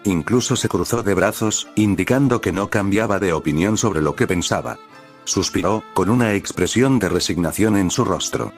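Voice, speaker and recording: A man reading fan fiction aloud as storybook narration, at a steady, even pace. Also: low-pitched, moderate pace, faint music behind.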